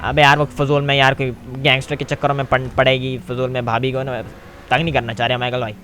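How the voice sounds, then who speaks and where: Casting: an ordinary man in casual game role-play chat, everyday mid pitch. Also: level tone, quick pace, a bit bright, slight background noise.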